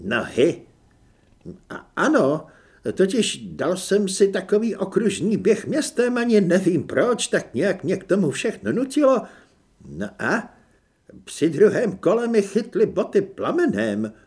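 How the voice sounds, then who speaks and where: A nervous, guilty theatre manager spills out his excuses in a pushed-up, loud, bouncy voice, as a male narrator puts him on. He rambles and chatters. It comes from a storybook reading. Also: high-pitched, wildly swooping pitch, voice pushed up. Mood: flustered.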